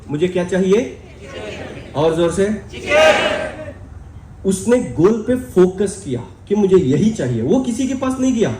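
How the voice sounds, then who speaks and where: A man giving an energetic live motivational seminar talk, shouting questions out to his audience in a large hall. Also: high voice, slight background noise. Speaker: motivational speaker. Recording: echoey hall with crowd.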